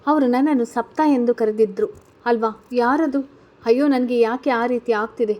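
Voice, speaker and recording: A woman's voice: fairly high pitch, moderate pace, a little mellow, lightly acted. A woman voicing a tearful, guilt-ridden young college woman in a read-aloud story, asking anxious questions. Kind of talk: storybook character reading.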